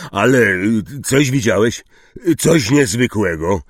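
A man voicing Hagrid, a big, gruff gamekeeper who talks loudly and impatiently. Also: lowish voice, expressive, takes it slowly, no room sound, clean studio sound, pitched above the performer's own voice. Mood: blustery. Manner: loud, blustery, impatient.

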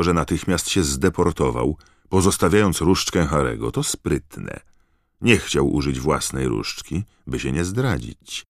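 A man doing a calm, patient wizard. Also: extremely low pitch, vocal fry, no echo, clean studio sound, full character voice. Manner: gentle, patient. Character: calm, reasonable middle-aged male wizard. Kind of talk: audiobook character voice.

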